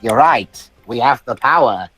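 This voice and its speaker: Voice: mid-range voice, animated, unhurried, pitched below the performer's own voice, close to an everyday voice, poor audio. A person voicing an unhinged, mocking and gloating evil villain. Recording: game music playing behind.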